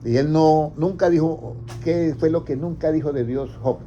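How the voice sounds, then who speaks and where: Male pastor, dark mellow voice, call-and-response sermon, dull recording with faint noise. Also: fairly high pitch, moderate pace. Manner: asks the congregation questions and answers himself. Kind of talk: interactive sermon.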